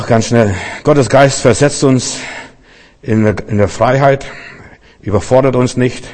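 A man's voice: medium pitch, darkish tone. A male pastor preaching a sermon and leading a closing prayer, emphatic and repetitive, speaking straight to his listeners. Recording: long hall reverb.

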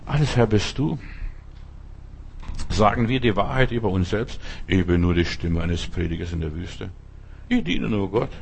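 A man's voice: fairly low pitch, gravelly, darkish tone, breathy edge. A man preaching an informal sermon who talks bluntly and straight to the listener, often repeating his phrases.

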